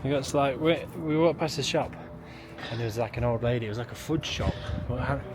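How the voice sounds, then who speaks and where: A man's voice: medium pitch, a little fast. A young man from England, chatting in a rambling, casual way as he vlogs a road trip, full of restarts and fillers. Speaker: travel vlogger. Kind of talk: casual travel vlog narration. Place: outdoors in a small town and in a car. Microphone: phone camera. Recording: phone video with clear street and car noise.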